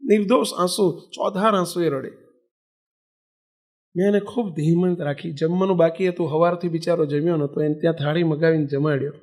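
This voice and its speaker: High-voiced man telling a sermon story. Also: fairly quick. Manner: animated storytelling with quoted dialogue. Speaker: swami preacher.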